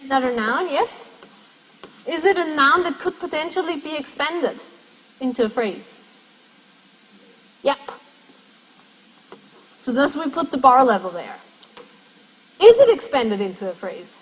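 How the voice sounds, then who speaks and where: An expressive university lecturer with a high voice takes her time, leaving long pauses. She guides the class through each step and questions the students, and the lecture hall gives her words a long echo.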